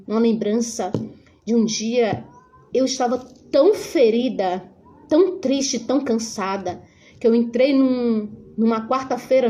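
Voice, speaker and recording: A middle-aged woman giving an earnest, emotional religious testimony as a mother, speaking tenderly to her listeners from her home hallway. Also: medium pitch. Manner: earnest, emotional, addresses listeners warmly as dear ones.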